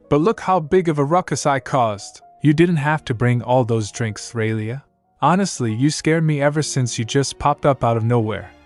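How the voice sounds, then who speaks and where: A man's voice: mid-range voice, close to an everyday voice. A man voicing an anxious young princess, speaking her fretful thoughts in a slightly raised voice. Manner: earnest, fretful inner thoughts.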